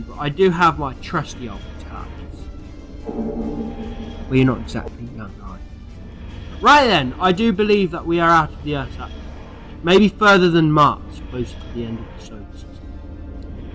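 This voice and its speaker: Man playing the Doctor, bright, animated, cocky time-traveller. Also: on the high side, normal speed, long pauses, faint music behind. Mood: triumphant, taunting. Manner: theatrical, playful, self-assured. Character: eccentric, cocky, clever male time-travelling alien adventurer. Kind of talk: sci-fi audio drama acting.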